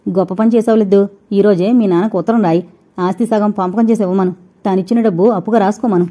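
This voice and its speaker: A woman doing a harsh, shouting angry husband. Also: medium pitch, fairly even intonation, quick pace, lightly acted. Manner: shouting, scolding.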